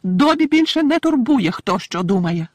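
A man voicing a timid, excitable male house-elf servant with a squeaky, servile way of talking in an audiobook. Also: moderate pace, no echo, full character voice. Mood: nervous proud. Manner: squeaky, servile, calls everyone young master.

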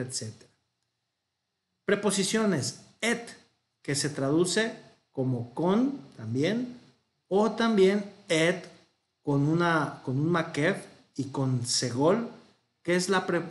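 Slow, patient Mexican teacher in echoey room. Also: male voice, on the high side. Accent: Mexican Spanish. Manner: patient, thinks aloud, corrects himself mid-sentence. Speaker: Hebrew teacher. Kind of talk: slow classroom explanation.

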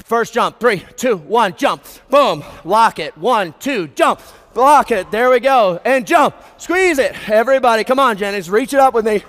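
High-pitched American gym-bro fitness coach, man. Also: expressive, unhurried, hardly any pauses, fairly bright tone. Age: 20s. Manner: gym-bro, hyped, motivational; exerting himself while talking. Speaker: fitness instructor leading a group workout. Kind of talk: workout coaching with cues and countdowns. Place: large brick warehouse gym, indoors. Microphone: headset. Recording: reverberant large hall.

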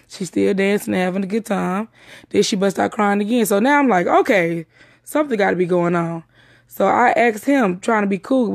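A young woman with a gravelly, fry-heavy voice recounts events in a rambling, profane way, full of restarts. The sound is dry and close. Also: mid-range voice, a little mellow, dry recording. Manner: rambling, profane, emphatic storytelling; repeats herself and restarts often. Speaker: witness recounting a night out. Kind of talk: casual spoken retelling.

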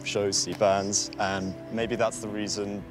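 A man on a dating show, reading out a roast poem in an earnest, measured way. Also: on the low side, flat delivery. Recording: clip with music underneath.

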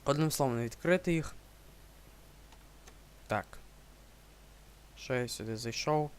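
A man's voice: mid-range voice, measured pace, clean tone. A young man with a Ukrainian accent giving joking commentary while playing a horror game, yelping when startled. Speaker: let's play gamer.

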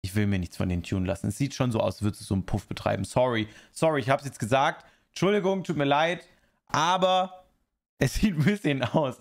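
A man streaming live, chatting casually while reacting to a video and answering viewer chat in rambling asides. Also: mid-range voice.

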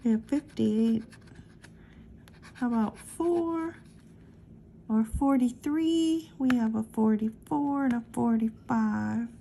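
A woman's voice: on the high side, gravelly, warm tone, a little hiss or hum. A woman casually calling out the numbers one by one as she scratches lottery tickets at a table. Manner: slow, calls out numbers one by one.

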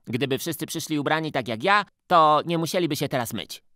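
A man's voice: fairly high pitch, brisk, no room sound, studio quality. A male actor voicing a cocky, boastful know-it-all schoolboy in a children's storybook reading. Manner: loud, boastful, eager.

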